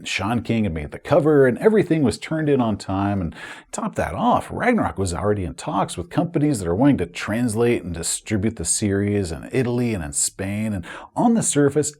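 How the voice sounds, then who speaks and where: A man with a fairly low, warm, slightly rough voice looks back on his career as an author and video host. He tells the story to camera in a conversational, candid, emphatic way.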